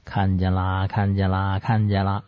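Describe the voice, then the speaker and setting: A man's voice: deep voice, completely flat delivery, a little slow. A male storyteller voicing a shrieking, wailing female spirit medium who chants in trance. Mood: eerie chanting. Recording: dull lo-fi recording.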